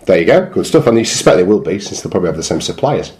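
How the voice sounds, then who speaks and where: A man's voice: low voice, very animated, very fast, darkish tone. A man co-hosting a sports podcast, trading dry, wry banter in casual chat. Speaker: podcast co-host.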